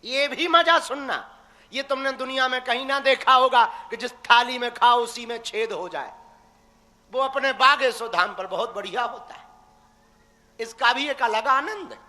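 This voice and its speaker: A man's voice: extremely high pitch, moderate pace, sharp tone, long reverb tail. A man preaching a devotional sermon to a crowd, teasing and blunt, speaking straight at his listeners. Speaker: spiritual preacher.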